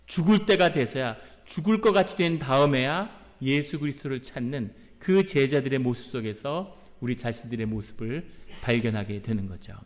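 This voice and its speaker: A man preaching a sermon as a pastor, earnest, acting out quoted prayers and rebukes. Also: medium pitch. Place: church sanctuary. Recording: long church reverb.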